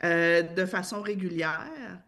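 Speaking slowly at a fairly low pitch, with a slightly bright quality, a woman with a Québécois French accent explains how she sees parenting. The discussion is casual, and she stays emphatic while using many fillers and restarting often.

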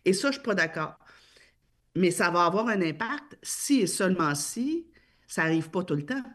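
A woman's voice: fairly low pitch, expressive, moderate pace, a bit bright. Emphatic Québécois woman explaining. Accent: Québécois French. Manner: explanatory, emphatic, many fillers and repeats. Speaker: parenting speaker. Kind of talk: casual discussion.

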